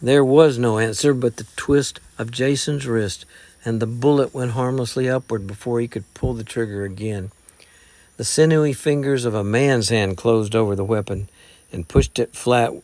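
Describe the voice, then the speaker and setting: A man reading a story aloud as an audiobook narrator, in an even, unhurried way. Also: medium pitch, dry recording.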